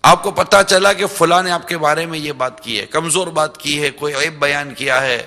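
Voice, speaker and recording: Bright, gravelly-voiced male preacher in reverberant hall. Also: a little high. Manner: addresses listeners directly with rhetorical questions and repetition. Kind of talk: religious lecture. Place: large religious center hall, live broadcast.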